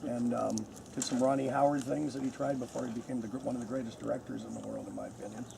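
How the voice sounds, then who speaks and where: A man's voice: mid-range voice, little pitch movement, fast talker, noisy background. A man who has long worked in film crews, telling wry stories about the business as a guest on a convention panel. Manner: gravelly, wry industry anecdotes.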